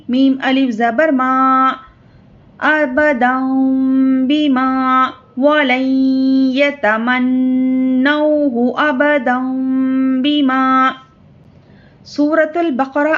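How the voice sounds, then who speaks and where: A woman teaching Quran reading, spelling syllables slowly and drawn out, with quick explanations of the rules in between. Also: high-pitched, dull audio. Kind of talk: slow letter-by-letter spelling lesson.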